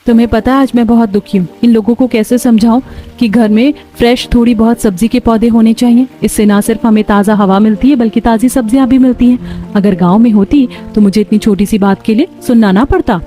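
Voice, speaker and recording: A woman voicing a gentle, hardworking young daughter-in-law from a village who speaks softly and earnestly. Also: on the high side, fairly even intonation, fairly quick, faint music behind, natural voice. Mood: sad. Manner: soft-spoken, earnest. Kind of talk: cartoon voice acting.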